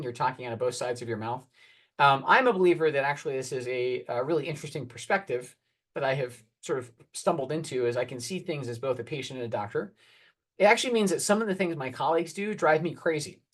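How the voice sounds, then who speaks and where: A man's voice: fairly high pitch, fairly bright tone. A man, an oncologist giving a candid, earnest conference presentation and calling for his next slides.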